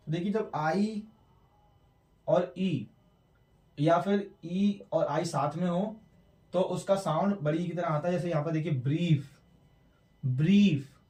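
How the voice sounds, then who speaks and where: A man teaching English letter sounds, slowly repeating words as drills. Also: fairly high pitch, a little mellow, recorded from a distance. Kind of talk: classroom lesson explaining at a board. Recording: roomy echo, mic away from speaker.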